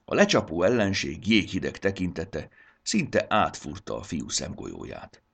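Deep gravelly storybook narrator. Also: male voice. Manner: expressive, animated reading.

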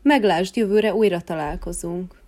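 A wise old gladiolus soothing a friend, as a woman voices it in a storybook. Her voice is warm and mellow, gently lifted and a bit louder. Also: fairly low pitch, close to an everyday voice. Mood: comforting. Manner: soothing, reassuring.

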